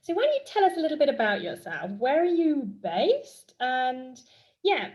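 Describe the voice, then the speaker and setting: Upbeat woman host from the UK, fairly high voice, warm casual interviewer. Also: moderate pace. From United Kingdom. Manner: upbeat and excited. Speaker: podcast host.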